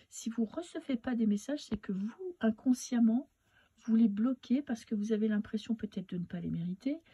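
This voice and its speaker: A woman giving a casual tarot reading in a halting, advising way, her voice weak and husky from swollen tonsils. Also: medium pitch, warm tone. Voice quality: husky, not very powerful. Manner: hesitant, halting, advising listener directly. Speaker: tarot reader and medium.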